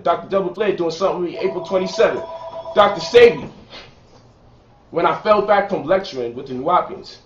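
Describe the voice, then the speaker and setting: A man from Brooklyn holds forth with emphatic, boastful, preacher-like cadence, his voice pitched high. He is caught from a distance in an echoey room on a dull, muffled recording. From Brooklyn, New York. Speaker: lecturer and author. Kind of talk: heated sit-down interview.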